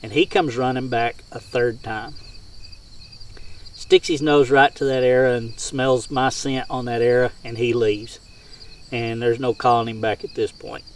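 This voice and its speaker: A man's voice: medium pitch, steady tone, unhurried, slight background noise. A middle-aged man, a hog hunter, tells casual first-person hunting stories in a folksy, countrified way of speaking. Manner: folksy, rural colloquial phrasing. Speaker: hog hunter and game caller. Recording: distant mic outdoors with insect sounds.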